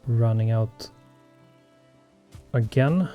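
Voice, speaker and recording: Over soft background music, this mid-range male voice comes through with lo-fi sound. The host of a gaming channel, whose first language is Swedish, comments on his survival game slowly and haltingly, with many fillers like um and uh.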